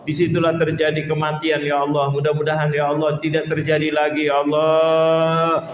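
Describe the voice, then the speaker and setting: A man's voice: on the high side, completely flat delivery, moderate pace, highs cut off. A man preaching, asking rhetorical questions and chanting prayers. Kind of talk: mosque study sermon and prayer. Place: large mosque hall. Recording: echoey hall with long reverb.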